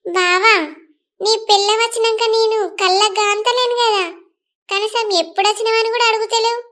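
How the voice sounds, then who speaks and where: A woman voicing a jealous young village woman who slowly threatens her rival, with a Telangana Telugu accent. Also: very high-pitched, steady tone, a bit bright. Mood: sulking. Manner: slow, menacing threats. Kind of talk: cartoon voice acting.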